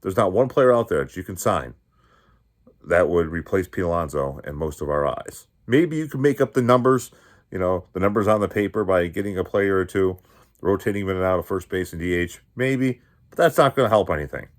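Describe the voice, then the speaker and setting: A fired-up man hosts his own show and rants about his team. His fairly low voice jumps to loud outbursts and then drops to muttering. He fires off one rhetorical question after another. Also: animated, a little fast. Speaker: podcast host. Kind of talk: fired-up sports rant.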